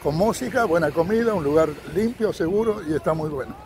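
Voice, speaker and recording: With beach noise behind him, a male vlogger and tour guide walks the sunny shore, giving his viewers upbeat recommendations. His fairly high voice has a darkish tone and lively intonation, and his delivery runs a little fast.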